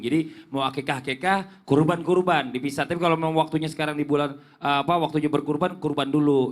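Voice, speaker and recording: Fast-talking, teasing male TV host. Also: mid-range voice. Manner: joking, teasing banter with guests. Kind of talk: religious talk show hosting.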